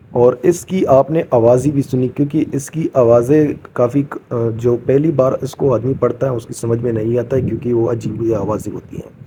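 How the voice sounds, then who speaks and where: Mellow-voiced man teaching slowly. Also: mid-range voice, slight background noise. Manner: patient, repeats sounds slowly, encouraging. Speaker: language teacher. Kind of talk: casual spoken lesson.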